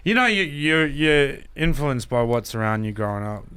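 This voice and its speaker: A man's voice: mid-range voice, sing-song, moderate pace, fairly bright tone, clear, resonant tone, no room sound. A man from Brisbane with an Australian accent, a comedian guest chatting casually on a podcast and laughing at himself often. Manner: laughs often, self-deprecating.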